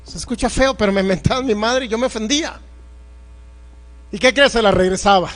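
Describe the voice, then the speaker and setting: A man's voice: sits high, fairly quick, fairly bright tone. A man preaching a sermon as pastor, emphatic and confrontational, firing rhetorical questions at the congregation.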